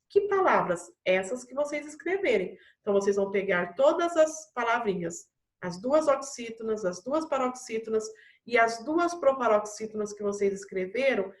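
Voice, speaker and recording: A woman's voice: fairly high pitch, echoey room. A woman primary school teacher with a Brazilian Portuguese accent, giving a recorded online class and patiently explaining each task step by step to young pupils. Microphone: camera mic.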